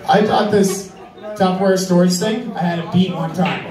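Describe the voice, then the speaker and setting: A man's voice: sits high, normal speed. A man performing an amateur stand-up comedy set in a conversational, profane, exasperated way. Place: live comedy venue with audience. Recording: echoey room, distant mic, audience laughter. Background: crowd laughter.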